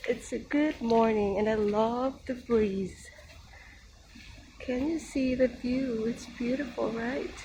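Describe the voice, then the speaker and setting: A woman's voice: fairly high pitch, steady tone, takes it slowly, noisy background. Filipino woman chatting to her cat. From Philippines. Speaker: vlogger. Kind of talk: casual vlog narration. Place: outdoors in a garden.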